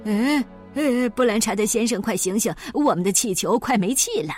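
A woman puts on a jittery grown man in a storybook, a doctor who stammers and hems over every other word. The voice sits lower than her own and keeps its swooping rises and falls. Soft music plays faintly behind him. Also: expressive, normal speed, breathy edge. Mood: anxious. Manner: stammering, hesitant. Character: timid fussy English doctor, grown man.

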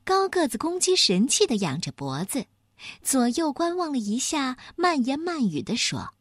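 Lady telling a kids' story, lively up and down voice, dry close sound. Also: sits high, normal speed, no echo. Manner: expressive, animated. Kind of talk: children's story narration.

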